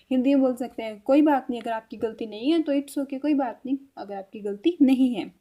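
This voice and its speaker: Woman, high voice, mellow tone, language lesson, slow careful repeats. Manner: slow, careful repetition of example sentences. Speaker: language teacher.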